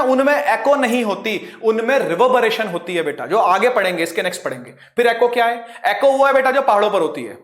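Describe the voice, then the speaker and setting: A man's voice: very high-pitched, a bit bright. Man, physics teacher, patient, checks in with students, echoey room. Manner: explains patiently, addresses students as "beta" and keeps checking they follow. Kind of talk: online class lecture. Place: teaching at a board.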